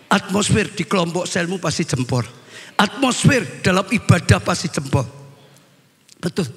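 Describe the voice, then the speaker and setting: A man's voice: sits high, slightly rough. A man, a pastor preaching to his congregation, joking and often turning to them directly. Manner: animated and joking, addresses the congregation as "saudara". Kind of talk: sermon. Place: church hall. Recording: reverberant church hall.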